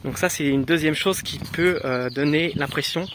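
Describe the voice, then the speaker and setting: A young man from France explaining a language topic in a relaxed, unscripted way, pausing often with hesitations. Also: fairly high pitch, noisy background. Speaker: French teacher. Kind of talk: casual explanatory lesson.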